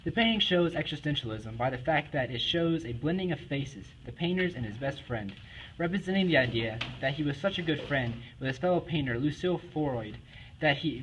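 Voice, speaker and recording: A teenage boy reading a school report aloud, earnest and a little halting. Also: on the high side, slight background noise. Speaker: student presenter. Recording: dull lo-fi recording.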